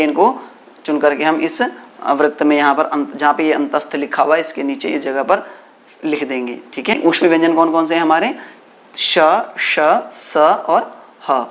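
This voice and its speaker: A man teaching a Sanskrit lesson in Hindi, asking his students questions and answering them himself, drawing out the letters slowly. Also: a little high. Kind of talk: classroom lesson explaining exercises.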